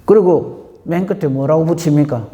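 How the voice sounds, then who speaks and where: A man preaching a dawn prayer sermon in a conversational way, often clearing his throat and asking the congregation questions. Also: fairly high pitch, moderate pace, mellow, big-room sound, dull audio. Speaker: pastor.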